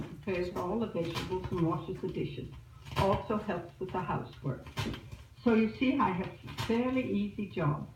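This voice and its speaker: An Australian woman with a mid-range voice chats through a spoken letter to her family back home, telling newsy stories. It's heard as an old disc recording, noisy and echoey, captured from a distance.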